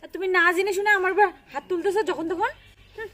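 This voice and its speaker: Woman doing a sulky young wife, high and quick, loud music behind. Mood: coy. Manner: coy and sulky, teasing back. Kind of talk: comic couple skit. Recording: music playing loudly behind.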